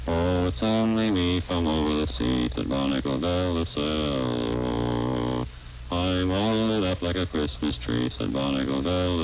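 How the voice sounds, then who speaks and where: A man giving a formal technical demonstration, his speech passed through a vocoder, talking in a measured, precise way. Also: extremely low pitch, slight background noise, rough recording. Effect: vocoder-processed voice. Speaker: engineer demonstrating a speech device.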